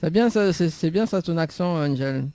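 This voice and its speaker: Slightly high-voiced male radio host. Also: expressive, moderate pace, warm tone. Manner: friendly, lots of fillers. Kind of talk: interviewing a guest.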